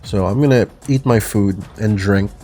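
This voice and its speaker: Male gamer, low voice, sick, loose rambling commentary, home desk mic, faint music behind. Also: moderate pace, warm tone. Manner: rambling, casual, offhand verdicts with frequent fillers. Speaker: gaming video creator ranking icons. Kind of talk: unscripted tier-list commentary. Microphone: desk mic with headphones on.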